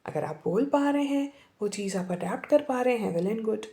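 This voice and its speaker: A woman's voice: a little high, lively intonation, normal speed, dark tone. Woman teaching pronunciation. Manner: mixes English words into the talk, demonstrates accents. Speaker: English teacher. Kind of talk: casual explanatory lesson.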